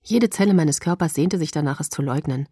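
A woman narrating a novel in first person with an even, measured reading. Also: deep voice, breathy edge, no room sound, clean studio sound. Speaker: audiobook narrator.

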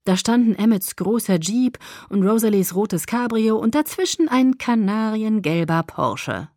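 A woman narrating a novel in the first person with expressive storytelling. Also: medium pitch, unhurried, dry recording, clean studio sound. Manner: expressive storytelling, lively intonation. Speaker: audiobook narrator.

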